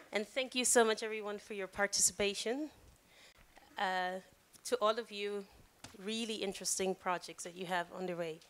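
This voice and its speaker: A woman's voice: mid-range voice, fairly bright tone, clear, resonant tone. A woman hosting an event, announcing prize winners in an upbeat, chatty way. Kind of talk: ceremony announcing.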